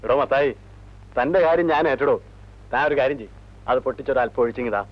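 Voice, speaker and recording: A man's voice: medium pitch, fast talker, natural voice. An actor playing a weary, fatalistic man in charge who drinks and gives offhand, slurred orders, in film dialogue. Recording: dull old film sound.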